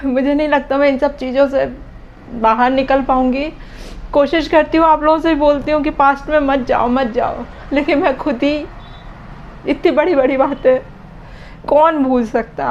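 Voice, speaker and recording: A woman in her thirties vlogging about a loss, talking slowly and heavy-heartedly, her voice dropping low at times. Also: lo-fi sound, a little hiss or hum. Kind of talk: emotional personal vlog talk.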